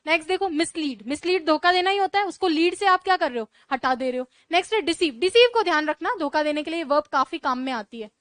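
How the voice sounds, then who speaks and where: A woman teaching English vocabulary in a classroom lecture, chatty and brisk, peppering her students with rhetorical questions. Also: very high voice, animated, fairly bright tone, dry recording.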